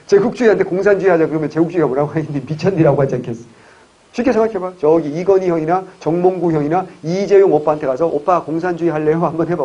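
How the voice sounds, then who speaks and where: Fast-talking, husky-voiced male lecturer. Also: a little high, dark tone, lo-fi sound. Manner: joking, asks the class quick questions. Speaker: civil service exam history lecturer. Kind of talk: classroom lecture.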